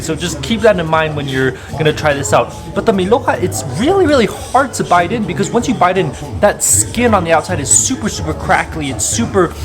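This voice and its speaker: Rapturous food-tasting man, higher-pitched voice, music behind. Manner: emphatic, repeats intensifiers. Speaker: food travel vlogger. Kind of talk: casual food review to camera. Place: busy market and eateries.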